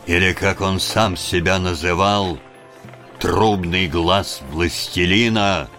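Deep, slow male audiobook narrator. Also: a bit bright. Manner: measured, dramatic storytelling.

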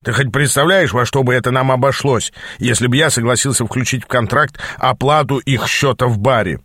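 A man's voice: medium pitch, brisk, a bit bright, no echo, clean studio sound, close to an everyday voice. A man voicing a short-tempered male demon mentor who growls and snaps in exasperation. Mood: exasperated.

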